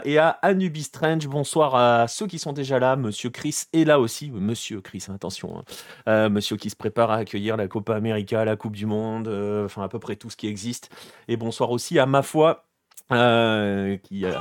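A man's voice: medium pitch, no echo, clean studio sound. A man hosting a casual live football talk show, chatting loosely with many hesitations and greeting viewers in the chat. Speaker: podcast host.

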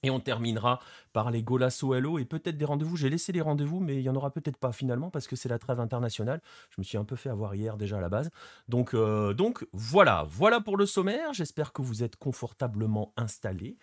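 A man's voice: medium pitch, lively intonation, quick pace, dry recording, studio quality. A man hosting a casual football show, rambling with many fillers and still with a sore throat after an illness. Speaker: host.

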